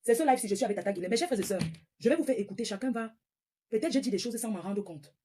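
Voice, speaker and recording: A woman's voice: on the high side, lively intonation, rapid-fire, mellow, slight background noise. A woman in her forties from northern France, ranting confrontationally on a live stream and repeating her points. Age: 40s. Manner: confrontational, repetitive, scolding. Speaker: social media livestreamer. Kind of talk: heated live-stream rant.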